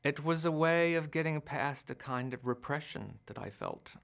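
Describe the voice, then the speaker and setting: A man's voice: on the high side, animated, normal speed, vocal fry, fairly bright tone. A man in his sixties talks in a documentary interview, searching and questioning himself as he remembers. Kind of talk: reflective interview.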